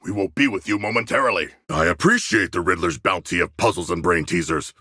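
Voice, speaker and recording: A man voicing an erudite, eager humanoid shark warrior for a video game, with gravelly voice and formal, stilted, grandiose diction. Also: low voice, fairly quick, bright, forceful tone, no echo, clean studio sound, exaggerated voice. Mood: earnest. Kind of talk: video game character voice lines.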